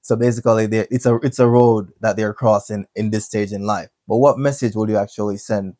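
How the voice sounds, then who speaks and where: Guy asking questions kinda haltingly, lowish voice, dry sound. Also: fairly even intonation, warm tone, no room sound. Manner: halting, searching for words when asking questions. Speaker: interviewer. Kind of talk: interview questions.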